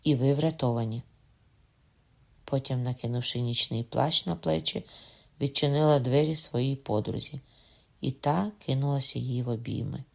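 Gravelly male audiobook narrator. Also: medium pitch. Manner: steady, measured storytelling. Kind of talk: scripted literary narration.

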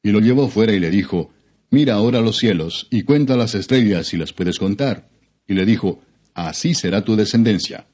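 A man narrates a scripture audiobook with a fairly low, soft-edged voice. His delivery is solemn, formal and measured. The recording is somewhat dull and lo-fi.

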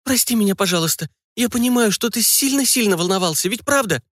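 A man voicing a colonel's young daughter, high-pitched and pleading, in a dry, close recording. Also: lively intonation, quick pace, a bit bright, no echo.

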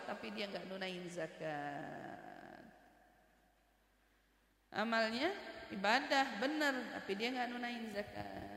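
A high, bright-voiced woman teaches an Islamic study lecture, weaving Arabic quotations into a lively story. She moves between loud urgent stretches and hushed ones. Her voice rings through a large room with a long, echoing reverb. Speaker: religious teacher. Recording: echoey hall with long reverb.

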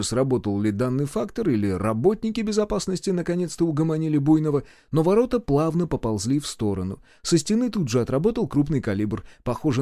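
Male audiobook reader, first-person, wry and brisk, animated pitch. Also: no room sound, studio quality. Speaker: audiobook narrator.

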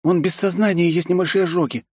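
A man's voice: high voice, fairly even intonation, fast, breathy edge, no echo, voice pushed up. A man voicing a loyal, earnest young woman fighter in an audiobook. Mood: urgent.

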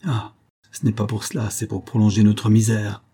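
Impatient, dramatic society mother, voiced by a male reader, husky low tone, audiobook. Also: normal speed, mellow. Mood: bitter. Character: anxious scheming society mother, middle-aged woman.

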